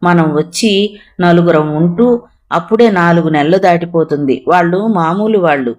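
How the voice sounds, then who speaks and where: A narrator voicing an earnest young woman, a dutiful daughter who speaks calmly and reasons gently but firmly. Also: medium pitch, normal speed, highs cut off, natural voice.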